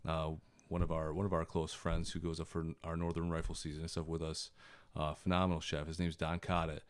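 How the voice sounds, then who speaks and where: A man, a podcast guest telling relaxed stories and laughing often in a casual chat. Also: very deep voice, brisk, dry recording.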